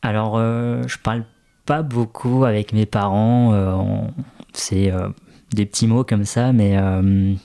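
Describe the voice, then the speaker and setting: A man's voice: fairly low pitch, steady tone, slow pace, gravelly, mellow. A man who grew up in France, talking in an interview, hesitant with many fillers. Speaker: interview guest, café co-founder. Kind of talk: casual interview talk.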